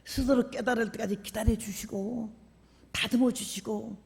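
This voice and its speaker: An older woman preaching a sermon in a colloquial, animated way, telling stories from her own life and acting out the dialogue. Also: a little high, moderate pace, vocal fry, big-room sound. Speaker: revival preacher. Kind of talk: sermon with personal storytelling. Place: church sanctuary.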